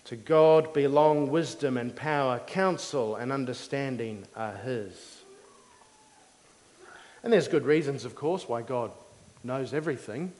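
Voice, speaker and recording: A man preaching a teaching sermon in a measured, didactic way, explaining things simply in short phrases. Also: medium pitch, a little mellow. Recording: long hall reverb.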